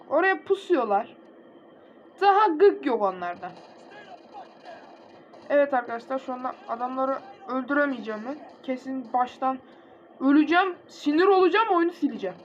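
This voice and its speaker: A young man casually commenting on his mobile gameplay, excitable and quick to get frustrated, talking straight to his viewers. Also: very high-pitched, slight background noise. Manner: excitable, easily frustrated, talks to viewers directly. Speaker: gaming channel host. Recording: dull lo-fi recording with faint game music.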